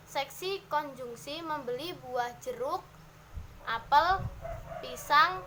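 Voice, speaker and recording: A young woman, a student, presenting a lesson on grammar in a measured, list-like way with a few hesitations. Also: sits high, pushed and bright, slight background noise, low-quality recording. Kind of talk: class presentation on syntax.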